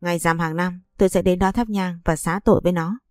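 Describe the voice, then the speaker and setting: A woman's voice: on the low side, steady tone, quick pace, no echo, studio quality, close to an everyday voice. A woman voicing a cold, scheming middle-aged mother-in-law who talks in a curt, dismissive way.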